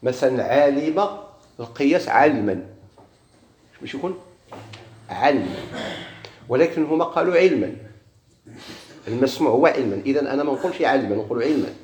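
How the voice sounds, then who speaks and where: A man's voice: medium pitch, lively intonation, fairly quick, long pauses, a little mellow. Moroccan man teaching in an echoey room. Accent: Moroccan Arabic. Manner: asks questions and answers them himself, repeats key words. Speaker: grammar teacher. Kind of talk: classroom lesson on Arabic grammar. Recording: echoey room with faint noise.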